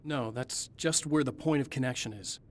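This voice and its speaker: Speaking at a normal pace in a mid-range voice, an actor plays the protagonist: a tired, resolute male horror writer. The cutscene delivery is dry, wry, and lightly acted.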